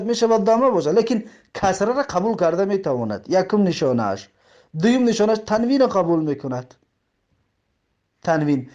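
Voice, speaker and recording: Lively Tajik man teaching grammar. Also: high-pitched, highs cut off. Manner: explains step by step, repeating terms and examples; reads the Arabic text slowly, word by word. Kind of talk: religious grammar lesson.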